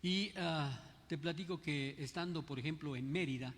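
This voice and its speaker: An older man, a pastor with a Mexico City accent, preaching a sermon in a conversational, unhurried way with frequent hesitations. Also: on the high side, fairly bright tone. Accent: Mexico City Spanish. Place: church. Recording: echoey hall.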